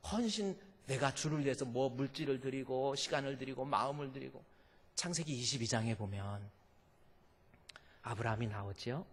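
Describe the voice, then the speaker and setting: A man pastor preaching a sermon in a church, swinging from soft murmurs to shouted cries, with repeated refrains. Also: mid-range voice. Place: church sanctuary. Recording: long reverb of a church hall.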